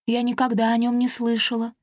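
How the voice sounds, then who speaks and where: A woman reading a storybook aloud and voicing a small, excitable girl air fairy who talks in an eager, insistent rush. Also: a little high, brisk, no echo, clean studio sound, pitched above the performer's own voice, natural voice. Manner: breathless, insistent, bubbly.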